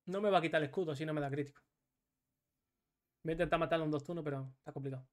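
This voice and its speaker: A man's voice: fairly high pitch, rapid-fire. Male streamer, frustrated self-scolding gameplay commentary, heavy swearing. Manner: swears often and scolds himself, in bursts of frustration.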